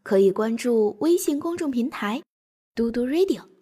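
Young woman storyteller, breathy voice, lively bedtime reading for kids. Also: on the high side, moderate pace. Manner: gentle, expressive reading for children.

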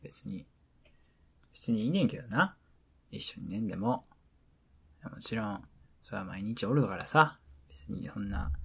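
A man with a Kansai accent playing a teasing, affectionate boyfriend at bedtime, in intimate ASMR role-play pillow talk with a soft, breathy voice. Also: fairly low pitch, heavily acted. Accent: Kansai Japanese. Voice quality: breathy, soft, often dropping into speaks softly. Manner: playful, coaxing, mock-hurt.

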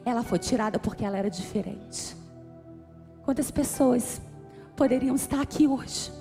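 A woman's voice: fairly high pitch, normal speed, warm tone. A woman with a Brazilian Portuguese accent preaching a sermon, telling a personal story earnestly and building to emphatic appeals. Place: church auditorium. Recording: church hall with long reverb, faint music.

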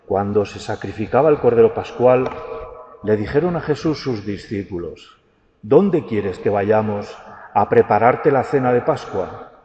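Spanish priest preaching slow, stretches words, echoey church sound, faint hiss behind. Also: male voice, mid-range voice, a little mellow. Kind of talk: gospel reading and homily. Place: large church. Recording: church with a long hall echo, dull and lo-fi, faint background hiss.

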